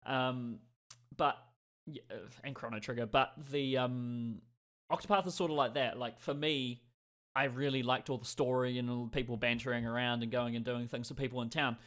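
A man rambles through his gaming stories on a podcast. He speaks at a middling pitch and keeps circling back with ums and repeated starts. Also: steady tone, normal speed, fairly bright tone. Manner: rambling, hesitant, many ums. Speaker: podcast co-host. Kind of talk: casual gaming chat.

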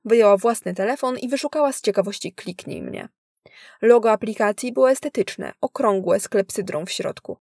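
A woman narrating a thriller with a steady, measured delivery at a middle pitch. The recording is close-miked and completely dry. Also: no room sound. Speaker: audiobook narrator. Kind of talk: scripted narration of a thriller story.

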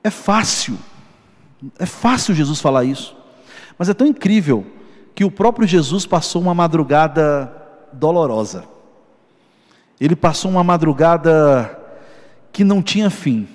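A man preaching in a big hall with a long echo trailing each phrase. His voice sits a little high for a man, and he slows down to repeat key lines with feeling as he tells his own story. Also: animated, darkish tone. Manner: emotional personal testimony, slow emphatic repetitions. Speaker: pastor. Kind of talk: sermon.

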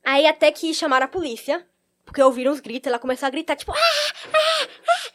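A woman tells a wild personal story in a casual chat. Her voice sits high and she talks quickly. She acts out the lines of the people she describes. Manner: animated, acts out quoted lines.

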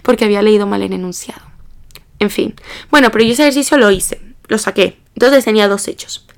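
A young woman of about eighteen, hosting a podcast and telling a personal story in a rambling, animated, self-mocking way. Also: medium pitch, brisk, vocal fry. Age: young adult, about 18. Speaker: podcast host.

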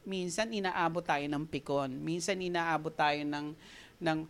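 A woman speaks slightly slowly in a low voice as she preaches with a Filipino accent. Tagalog and English intermingle in her sermon, which is full of spirited stories and self-directed laughter.

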